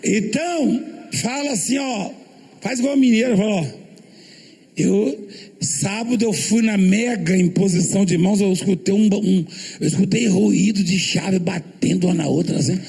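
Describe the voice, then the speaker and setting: A man's voice: high voice, normal speed, creaky, dark tone, slightly rough. A man from Minas Gerais preaching a humorous church sermon. He tells jokes, asks the congregation questions, and acts out the quotes. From Minas Gerais, Brazil.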